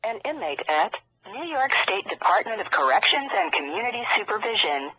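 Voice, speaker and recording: A woman's voice: mid-range voice, very animated, brisk, pushed and bright, breathy edge. A woman giving a scripted recorded announcement for a prison payphone collect call, over a muffled, tinny phone line.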